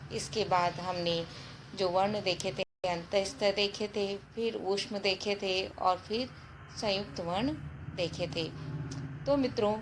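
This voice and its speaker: A woman teacher giving a slow, deliberate grammar lesson and addressing her viewers as friends. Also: medium pitch, background noise. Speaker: Hindi teacher.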